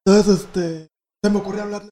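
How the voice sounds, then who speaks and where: Young man, Mexican accent, high voice, fast, excited storyteller, casual swearing. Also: reverberant. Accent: Mexican Spanish. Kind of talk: casual storytelling among friends.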